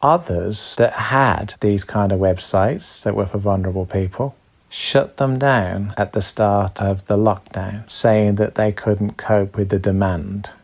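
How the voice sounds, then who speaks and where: A blind professional entertainer from Birmingham, giving a steady personal account of recent months. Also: male voice, lowish voice, a little slow. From Birmingham, England. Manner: plain, steady storytelling.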